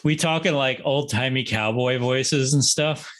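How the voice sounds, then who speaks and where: A man's voice: medium pitch, unhurried, fairly bright tone. A male guitarist answering interview questions in a rambling, self-deprecating way with many restarts. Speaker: guitarist guest.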